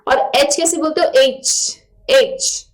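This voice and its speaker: A woman's voice: high voice, steady tone, takes it slowly, poor audio. A woman teaching English grammar in a classroom-style lesson, repeating key points and checking with her students. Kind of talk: classroom lesson for exam aspirants.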